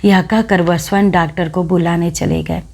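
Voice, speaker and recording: A woman storyteller reading a classic short story aloud, changing her pitch and loudness for each character's lines. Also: steady tone, moderate pace, gravelly.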